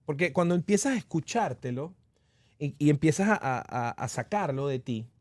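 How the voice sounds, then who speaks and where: A man's voice: on the high side, expressive, normal speed, a little mellow, no echo. A man hosting a live online workshop, talking through steps in a reflective coaching tone, often restarting his sentences. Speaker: workshop host.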